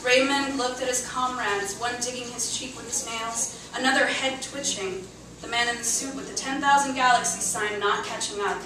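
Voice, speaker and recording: A woman with a fairly high voice performs a short story at a moderate pace for a cafe audience, acting out its chants and dialogue expressively. Picked up by a far-off mic, the live venue sounds echoey and carries faint noise.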